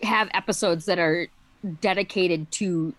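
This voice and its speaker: A woman co-hosting a podcast, talking in an animated, casual way and swearing freely. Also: lowish voice, unhurried, dry recording. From United States. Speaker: podcast co-host. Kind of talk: casual chat.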